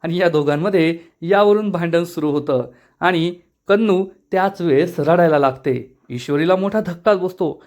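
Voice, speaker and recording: Male episode reviewer with a high voice, steady storytelling recap narration. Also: moderate pace. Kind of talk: retelling a TV episode.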